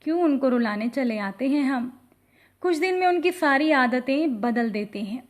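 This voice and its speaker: High-pitched woman reading an emotional story. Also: expressive, moderate pace. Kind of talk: scripted story narration.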